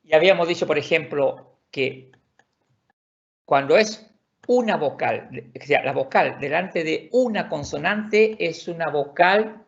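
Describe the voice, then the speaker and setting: Man, online language teacher, patient, repetitive explainer; gravelly, dull lo-fi recording. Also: a little high, animated, measured pace. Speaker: Swedish teacher. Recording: dull lo-fi audio.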